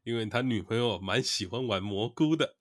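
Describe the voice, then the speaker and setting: A man's voice: medium pitch, moderate pace, heavy background noise. A man with a Taiwanese Mandarin accent, hosting a casual podcast chat in a playful, teasing way. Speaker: podcast host.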